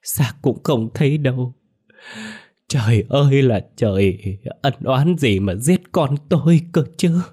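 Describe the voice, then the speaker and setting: A man's voice: low voice, normal speed, darkish tone. A man voicing a grieving middle-aged mother who pleads and wails for her lost son. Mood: wailing. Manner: wailing, pleading.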